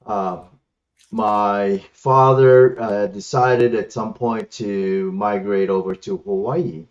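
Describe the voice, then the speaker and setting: A martial arts instructor from the Philippines, a native Ilocano speaker, answers casually as an interview guest, recounting his life. His lowish voice is steady and slow. He uses a headset on an online call, and the lo-fi audio sounds slightly muffled.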